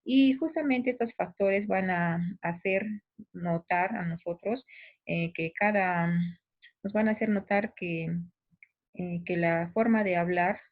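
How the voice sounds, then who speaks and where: A woman's voice: medium pitch, slow pace. A woman teacher from Peru with a provincial Peruvian accent, patiently explaining a lesson to her students, often restarting her sentences and turning to address them directly. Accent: Peruvian provincial Spanish. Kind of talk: recorded class explanation. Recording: tinny phone-like audio.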